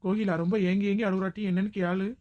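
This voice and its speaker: A woman playing a sharp-tongued village woman. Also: mid-range voice, flat delivery, fast, lo-fi sound, lightly acted. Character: outspoken village woman, bold and joking. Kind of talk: village comedy skit acting.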